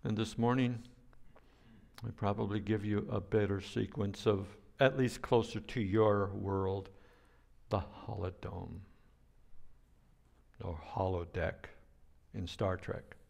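This is an older man preaching from the pulpit in an unhurried, measured way. His voice sits on the low side, and he now and then breaks into playful noises to make a point. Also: steady tone, vocal fry, darkish tone. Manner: slow, deliberate preaching with playful sound effects. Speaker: pastor. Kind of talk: sermon.

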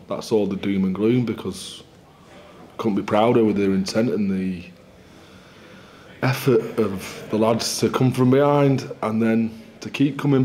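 A man in his forties, a rugby head coach answering post-match questions at a press conference in a candid, measured, upbeat way. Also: on the low side, darkish tone, a little hiss or hum. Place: small indoor press room in front of a sponsor backdrop.

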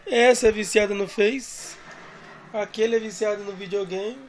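A man's voice: high-pitched, steady tone, moderate pace, poor audio. A man filming his family at home on a phone, chatting playfully and doting on the family dog. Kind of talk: casual home video narration. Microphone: phone camera.

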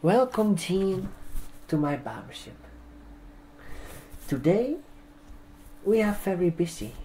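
Playing a barber receptionist at a desk in an indoor room, a young ASMR performer in his 20s speaks slowly and softly, hushed and halting, in brief phrases. His voice is high-pitched. The rough recording carries a little hiss or hum along with keyboard typing and clicks.

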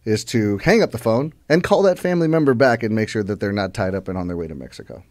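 A man's voice: fairly low pitch, expressive, quick pace, darkish tone, no echo. A man co-hosting a podcast, telling stories loosely with lots of fillers. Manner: loose, filler-heavy storytelling. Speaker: podcast co-host. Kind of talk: casual podcast chat.

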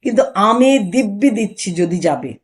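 A woman narrator voicing a suspicious, sharp-tongued older wife who scolds her husband indignantly. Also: medium pitch, expressive, normal speed, lightly acted. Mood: scolding.

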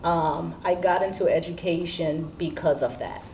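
Seated before a curtain in an indoor school studio, an assistant principal from Haiti in her fifties responds to interview questions. She speaks at a normal speed in a fairly low, slightly mellow voice with fairly even intonation, recorded on a distant mic that catches background room noise.

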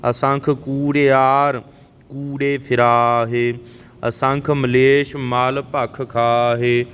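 Guy teaching how to say scripture, slow careful reciting, hall reverb, low hum behind. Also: little pitch movement, a bit bright, clean tone. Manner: slow measured recitation, brisk spoken corrections. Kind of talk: pronunciation lesson with recitation. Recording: reverberant hall, faint rumble.

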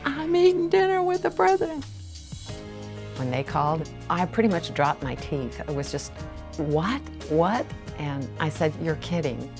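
A woman in her sixties from Indiana, a retired college teacher, talking in an excited, animated way. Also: low voice, unhurried, music in the background. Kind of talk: casual interview. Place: indoors.

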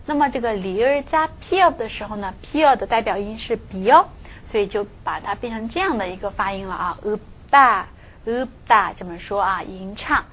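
Fast-talking woman teaching pronunciation. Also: medium pitch, lively intonation, a bit bright. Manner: explains step by step, repeats example words several times; frequent filler particles at phrase ends. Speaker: Korean language teacher. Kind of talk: recorded video lesson on pronunciation.

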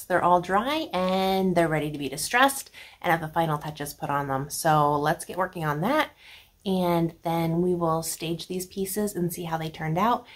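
A woman's voice: mid-range voice, roomy sound. A woman in her thirties hosting a casual how-to vlog, chatting with ums as she works in a small indoor workshop and is picked up by a camera mic at a distance. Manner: chatty, explains while working, frequent ums. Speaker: furniture upcycling host.

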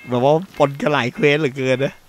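A man's voice: mid-range voice, steady tone, fast. A man giving casual let's-play commentary, chatty, exclaiming often and swearing offhandedly as he plays. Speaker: gaming streamer.

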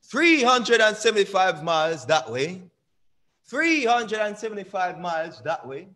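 A young man preaches with a high voice that swings widely in pitch, bright and forceful in tone. At a small church's pulpit, using a microphone on a stand, he stretches out emphatic lines and quizzes the congregation.

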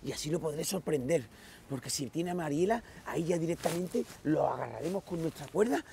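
Gravelly Spanish man narrating a dramatic adventure. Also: on the high side, fairly quick, a little hiss or hum. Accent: Spain Spanish. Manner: dramatic, alternating hushed whispers and excited shouts. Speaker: vlogger host. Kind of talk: staged adventure vlog addressing viewers. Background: loud background music.

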